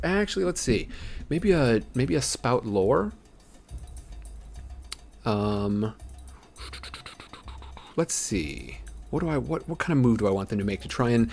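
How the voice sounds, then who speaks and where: A man running a tabletop game as game master, improvising narration and thinking aloud hesitantly for his chat. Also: mid-range voice.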